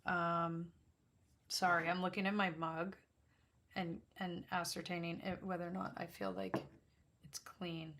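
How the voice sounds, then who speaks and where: Low-pitched, slightly gravelly woman chatting casually. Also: little pitch movement, unhurried, long pauses, fairly bright tone. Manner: rambling, self-interrupting, apologetic. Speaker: host of an art livestream swatching watercolors. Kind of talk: casual chat to camera while demonstrating. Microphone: backup microphone.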